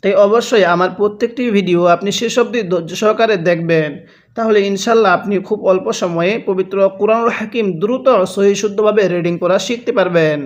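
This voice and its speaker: A man teaching Quran reading, drawing out each recited word very slowly and then explaining the rules briskly, often asking listeners to repeat after him. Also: sits high. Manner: repeatedly asks listeners to read along with him. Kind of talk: slow recitation drill with quick spoken explanations.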